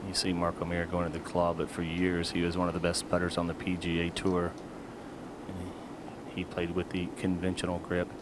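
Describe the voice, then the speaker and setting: A man's voice: low voice, completely flat delivery, fairly quick. A man giving analysis as a golf commentator during a tournament. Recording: outdoor broadcast, clear ambient noise.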